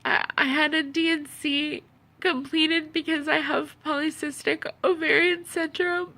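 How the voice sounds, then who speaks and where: A tearful, upset woman who sounds as if she has been crying, giving a halting personal monologue in which she repeats her phrases. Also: sits high, level tone, sharp tone. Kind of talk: personal video monologue about own experiences.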